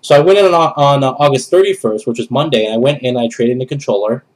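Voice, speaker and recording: Quick-paced and medium in pitch, this young man's voice is congested and nasal from a cold. He's a gaming vlogger giving a casual, rambling channel update to the camera in a small indoor bedroom, with poor audio.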